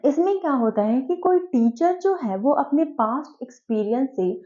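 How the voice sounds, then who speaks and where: A woman's voice: sits high, animated, normal speed, dark tone, muffled recording. A woman teacher giving an online exam-prep lecture, explaining step by step and asking herself rhetorical questions.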